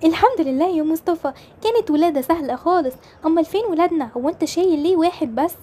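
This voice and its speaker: A woman's voice: extremely high pitch, lively intonation, rapid-fire, mellow. A woman playing a tearful young Egyptian mother. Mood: sad, pleading. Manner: plaintive, tearful pleading. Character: young mother longing for her lost twin.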